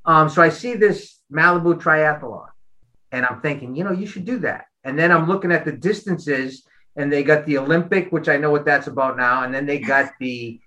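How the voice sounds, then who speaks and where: Brief: man, high and very bright voice, animated guest telling a story. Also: normal speed, poor audio. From Boston. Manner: animated storyteller, repeats words. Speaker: guest athlete. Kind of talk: casual storytelling interview.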